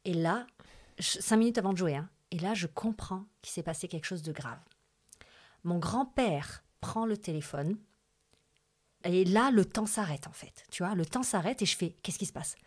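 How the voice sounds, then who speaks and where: A woman's voice: fairly low pitch, normal speed, breathy edge. A young woman from the French Alps, a guest telling a personal story in casual, emotional chat, with many fillers and asides. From France, Hautes-Alpes. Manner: chatty and lively, with many fillers and asides to the host.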